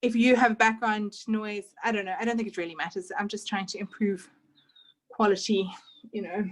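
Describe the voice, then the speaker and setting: On a video call picked up by her computer mic, a young woman leads a baking class in a loose, chatty way, drifting a little and filling her speech with "like." Her mid-range voice keeps fairly even intonation at a normal speed, and the recording is rough.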